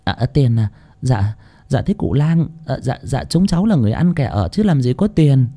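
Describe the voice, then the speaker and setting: A man's voice: medium pitch, lively intonation, normal speed, mellow. A man voicing a flustered young female house servant who stammers as she talks.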